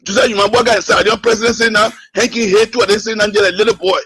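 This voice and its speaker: A man's voice: high-pitched, little pitch movement, fast talker, bright, forceful tone, slightly rough. A man from Liberia calling in to a radio talk show, arguing with rhetorical questions over a phone line. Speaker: caller. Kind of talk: call-in radio political commentary.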